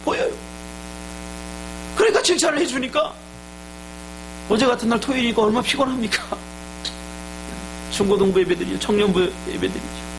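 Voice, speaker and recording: A man's voice: extremely high pitch, brisk, pauses often, noisy background. A man preaching a sermon as pastor, telling stories and acting out the people in them. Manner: storytelling sermon, acting out dialogue and shouts.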